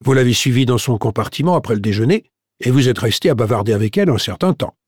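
A man's voice: medium pitch, lively intonation, fast talker, darkish tone, slightly rough, no echo. A man voicing a pompous, self-important middle-aged police commissioner in an audiobook. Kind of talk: audiobook character voice. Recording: dry studio recording.

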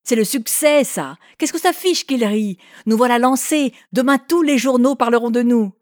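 A woman doing a loud exultant young man. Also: on the low side, normal speed, breathy edge, dry recording, studio quality. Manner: loud, excited exclamations.

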